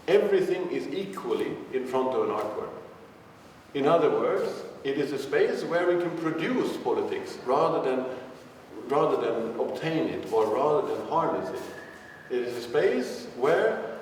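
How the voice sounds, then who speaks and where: A man's voice: fairly high pitch, very animated, measured pace, a little mellow. A man giving a live lecture, casual and irreverent, thinking aloud with frequent restarts. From Sweden. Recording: echoey hall, speaker far from the mic, faint noise.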